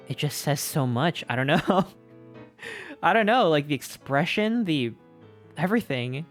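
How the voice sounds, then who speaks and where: A streamer gushing over fan art in casual live-stream chat, excitable and repeating itself, a little out of breath. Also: medium pitch. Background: faint background music.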